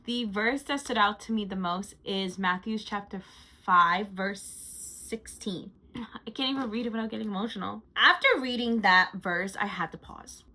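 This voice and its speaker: A woman's voice: mid-range voice, brisk, pushed and bright, rough recording. A woman vlogger chatting casually through a monthly recap, gushing and chatty with frequent fillers. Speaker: lifestyle vlogger.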